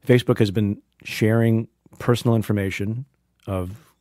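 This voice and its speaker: A man's voice: on the low side, steady tone, normal speed, dark tone, dry recording. A man hosting an interview podcast in a studio, asking questions in a wry, playful way. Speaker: podcast host. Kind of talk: conversational interview. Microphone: studio microphone.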